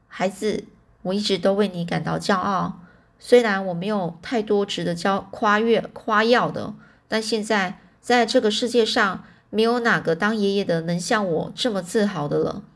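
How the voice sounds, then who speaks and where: A kindly old grandfather, proud of his grandson, speaks low and soft, as a woman reading a storybook voices him. His delivery stays close to a plain, everyday reading voice. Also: normal speed, lightly acted. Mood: moved.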